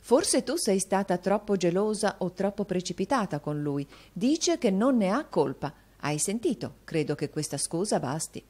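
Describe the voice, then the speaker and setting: A spiteful young miller's daughter who teases and needles with mock innocence, as a woman narrator puts her on. Her mocking manner stays sharp and pointed throughout. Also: medium pitch, sing-song, moderate pace, hardly any pauses.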